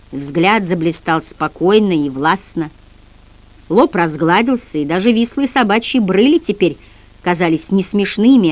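A woman giving an expressive, dramatic audiobook narration into a close studio mic. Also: fairly low pitch, rough recording. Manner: animated, dramatic.

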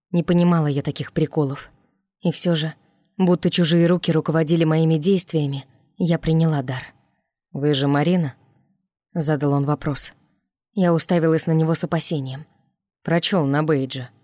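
A woman with a low voice narrates a first-person story in a steady, measured way. Her delivery is calm and scripted, recorded close and dry with no room sound. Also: dry recording.

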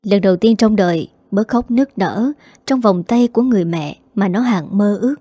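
Mellow-voiced woman telling a story. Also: mid-range voice, normal speed, no echo, studio quality. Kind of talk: scripted narration. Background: faint background music.

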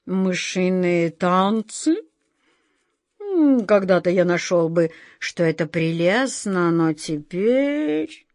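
A woman voicing a gloomy, weary male house cat who talks slowly in a storybook reading. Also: fairly low pitch, animated, dry recording, studio quality, natural voice. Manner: slow, sighing, melancholy.

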